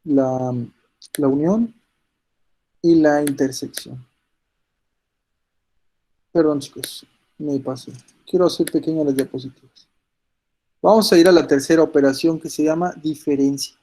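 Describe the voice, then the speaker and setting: A man's voice: fairly high pitch, fairly even intonation, measured pace, pauses often, dark tone, rough recording. A man with a slight cold, teaching a math class step by step and constantly checking in with his students. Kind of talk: recorded class lecture.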